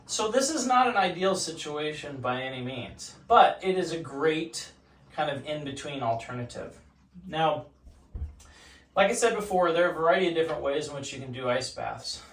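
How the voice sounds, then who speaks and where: Instructing from a tub of ice cold water at home, a vlogger with a somewhat high-pitched, animated voice talks casually to the camera at a moderate pace while demonstrating ice baths. He's off-mic, far from the microphone, with water noise and bathroom echo around him.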